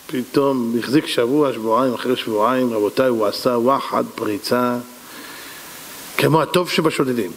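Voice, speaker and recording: A man preaching a sermon as a rabbi, telling a parable in an animated way and asking rhetorical questions, in an echoey hall. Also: mid-range voice. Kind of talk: sermon with storytelling.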